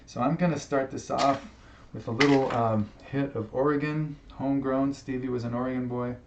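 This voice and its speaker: A musician speaking to camera in a personal tribute, reflective and heartfelt, pausing often with fillers, recorded on a webcam microphone. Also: male voice, medium pitch, steady tone, noisy background. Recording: roomy, distant, dull webcam sound.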